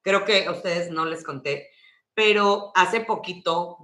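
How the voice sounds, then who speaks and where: A Mexican-accented woman tells animated, slang-heavy stories with a lot of swearing. Her voice is bright and forceful. The room adds a noticeable echo. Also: fairly low pitch, measured pace. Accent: Mexican Spanish. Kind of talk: casual chat.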